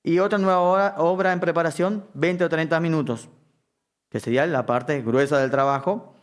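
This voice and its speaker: A man in middle age lectures on directing a band. His voice sits a bit high for a man. He talks in a live classroom way, tossing in quick checks that everyone is with him. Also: fairly even intonation. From Argentina. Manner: keeps checking understanding with a quick "¿sí?". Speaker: music director teaching a course.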